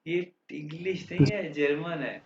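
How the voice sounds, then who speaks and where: A man's voice: on the high side, steady tone, unhurried, very noisy. A man teaching German grammar to a class, patient and repetitive, often checking that students understood. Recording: dull, roomy classroom recording.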